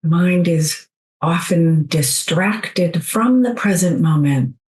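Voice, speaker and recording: With a lowish, expressive voice, a woman leads a guided meditation. She keeps things soothing, gentle and unhurried, pausing at length between phrases.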